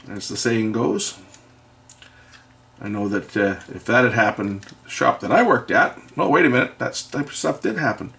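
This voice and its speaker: A man's voice: lowish voice, vocal fry, a bit bright, a little hiss or hum. A middle-aged man rambles through a wry anecdote while repairing something, muttering asides about the work. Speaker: video maker and electronics tinkerer.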